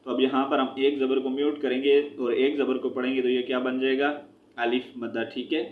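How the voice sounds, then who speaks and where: A man teaching Quran recitation, spelling out letters and vowel marks syllable by syllable and blending them, with quick explanations that end in a repeated check-in. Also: medium pitch, level tone. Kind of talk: slow spelling-out recitation lesson. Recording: echoey room, dull lo-fi sound.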